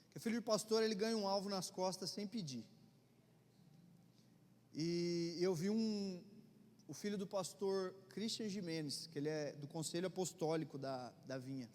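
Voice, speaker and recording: Brazilian pastor, man, middle-aged, Brazilian Portuguese accent, high voice, chatty sermon with loud and hushed swings, reverberant church hall. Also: moderate pace. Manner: conversational preaching, swings between loud urgency and quiet intensity. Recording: long reverb of a church hall, faint ambience.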